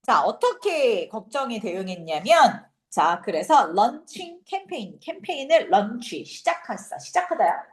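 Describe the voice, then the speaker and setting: A woman lectures on an English exam passage in a brisk, casual classroom manner. Her voice sits a little high and swings widely as she fires rhetorical questions and acts out quick asides. She sounds like a young adult teacher talking straight to her students. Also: very animated.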